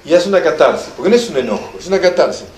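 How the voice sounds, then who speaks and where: A man with a Rioplatense Spanish accent teaching an enneagram class in a lively lecture style, acting out the people in his examples with humor. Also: a little high, racing, reverberant. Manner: animated storyteller, acts out quoted voices with laughter.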